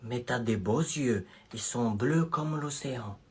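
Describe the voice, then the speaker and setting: A man's voice: mid-range voice, takes it slowly, voice pushed down, close to an everyday voice. A man voicing a naive little boy who tenderly sweet-talks a doll.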